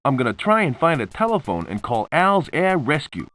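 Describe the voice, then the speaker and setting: A wisecracking adventurer pilot. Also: male voice, fairly high pitch, big pitch swings, moderate pace, a bit bright. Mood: wry. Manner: wisecracking, laid-back. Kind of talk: video game voice acting.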